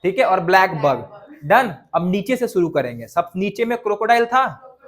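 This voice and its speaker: During an exam revision lesson, a male teacher drills the class by repeating lists aloud and quizzing them as he goes. His voice sits fairly high for a man, with big pitch swings and a moderate pace.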